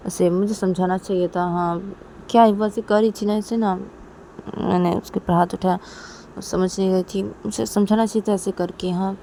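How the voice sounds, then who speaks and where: A woman's voice: mid-range voice, fairly even intonation, normal speed, dark tone, slight background noise, lightly acted. A woman voicing a remorseful young woman who apologizes while explaining herself. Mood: apologetic. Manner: apologetic, self-justifying.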